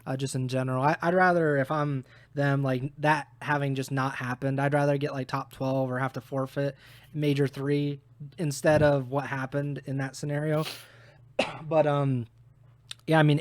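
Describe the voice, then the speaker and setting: A man's voice: medium pitch, flat delivery, moderate pace, no room sound. Man losing his voice on a podcast. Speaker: podcast co-host. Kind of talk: casual esports analysis chat.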